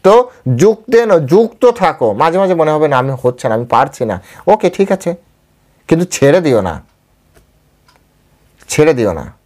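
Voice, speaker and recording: A male preacher with a Bengali accent leads a devotional lesson on scripture. He talks his listeners through it step by step, putting a question to them and then answering it himself. He repeats key phrases for emphasis and drops into slow, careful recitation whenever he quotes a verse. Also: a little high, sing-song, darkish tone. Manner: chants and quotes verses slowly. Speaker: preacher giving a scripture class.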